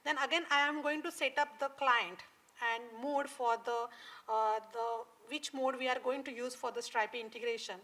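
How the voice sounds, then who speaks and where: A woman explaining code on a conference stage, halting with many fillers and non-native phrasing. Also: sits high, steady tone, pushed and bright. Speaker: conference speaker. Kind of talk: live tech talk on stage.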